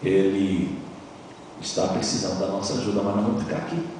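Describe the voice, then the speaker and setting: A preacher voicing a calm, quiet teacher. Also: male voice, low voice, brisk, a little hiss or hum, voice pushed down. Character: calm teacher speaking to his disciples. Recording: echoey church hall, distant mic.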